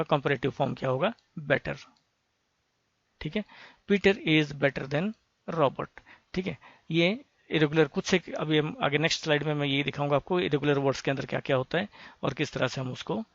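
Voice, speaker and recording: Gravelly man teaching grammar. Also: on the high side, no echo. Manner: repeats "ठीक है" often, reads English examples slowly. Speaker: English teacher. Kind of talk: explaining grammar slides. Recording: dull lo-fi dry sound.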